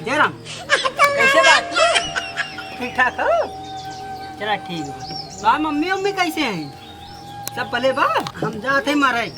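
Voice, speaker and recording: A man's voice: very high voice, very animated, takes it slowly, long pauses, music in the background, exaggerated voice. A male actor playing a belligerent drunk, self-pitying village husband with an Awadhi accent in a broad rural comedy. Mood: drunken rambling. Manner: belligerent drunk, rambling and repetitive. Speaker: comic actor in a village skit.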